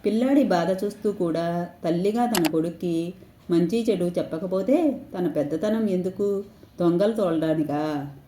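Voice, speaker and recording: A woman narrating an audio story in a calm, steady read. Her voice is warm and mellow. The room adds a noticeable echo. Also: fairly low pitch, a little hiss or hum. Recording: echoey room.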